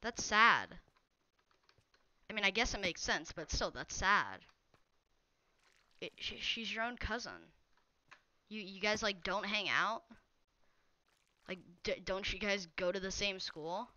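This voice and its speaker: A young woman streams a game and keeps up a teasing, casual chatter with her viewers. Her voice is bright and crisp, close and dry. The mic sounds slightly dull and lo-fi. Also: medium pitch, expressive, slow pace, pauses often, no room sound. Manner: teasing, talks straight to viewers reading chat. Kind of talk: casual live-stream chat while gaming.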